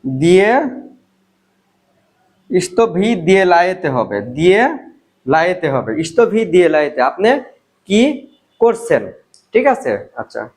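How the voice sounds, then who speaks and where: Man, high-ish voice, online language tutor, slow and repetitive teaching. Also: sing-song, darkish tone. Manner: repeats key phrases slowly, asks and answers own questions. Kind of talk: explanatory language lesson.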